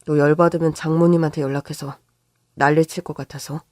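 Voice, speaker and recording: A weary, even-tempered husband, voiced by a woman reader in a read-aloud story. He talks low and quiet in a measured way, close to the mic in a dry space. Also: dry recording, natural voice. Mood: subdued, weary. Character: weary calm husband, low-voiced, fed up with his mother.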